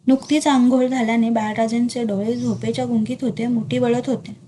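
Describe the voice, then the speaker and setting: A woman's voice: fairly high pitch, fairly even intonation, brisk, dark tone, slight background noise. A woman steadily reading a historical novel aloud as narrator.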